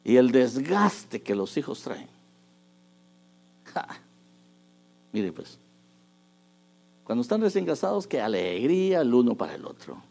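A man preaching a sermon, moving between hushed asides and loud, emphatic bursts. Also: medium pitch, sing-song, measured pace, creaky, long pauses.

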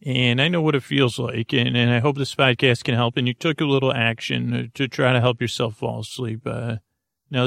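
This studio-quality, dry recording captures a man with a medium-pitched, creaky, slightly bright voice. Hosting a sleep podcast, he gives a rambling bedtime intro, wandering off track, cutting himself off, and tossing in wry asides.

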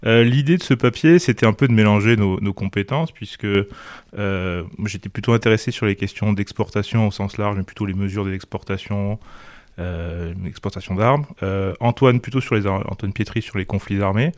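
A researcher answers interview questions in a lowish voice. He hesitates often with fillers, and the recording is dry and close. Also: normal speed, dry recording. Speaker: guest researcher.

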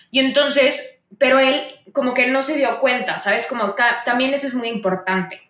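A woman's voice: a little high, a bit bright, echoey room. A woman with a Mexican accent, a podcast guest telling stories in casual conversation and acting out her own dialogue.

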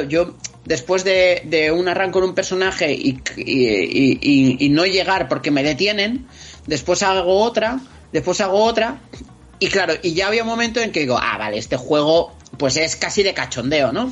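A man with a Spain Spanish accent, chatting on a podcast as a guest and acting out scenes with vivid interjections. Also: a little high. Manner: expressive storyteller, acts out scenes with interjections. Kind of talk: casual podcast chat. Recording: slightly dull lo-fi audio, faint music behind.

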